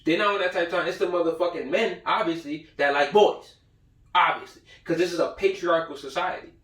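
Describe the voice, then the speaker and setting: A man with a fairly high, fairly bright and steady voice speaks a little fast in an informal lecture. He reads passages aloud and remarks on them in blunt, profane slang, repeating points for emphasis, and he sounds far from the mic in an echoey room.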